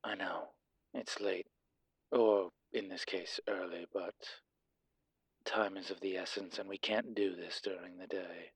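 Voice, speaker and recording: In a roughly recorded intimate audio roleplay, a man does a full character voice as a suave, wry incubus demon. Sitting low and steady, his voice is husky and breathy, his manner teasing, polished and deliberate. No echo is heard, and the mood is wry and hushed.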